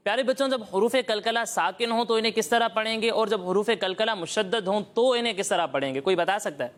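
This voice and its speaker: A Quran teacher leading a children's recitation lesson, patiently quizzing the pupils and slowly modelling each sound. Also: medium pitch, a bit bright.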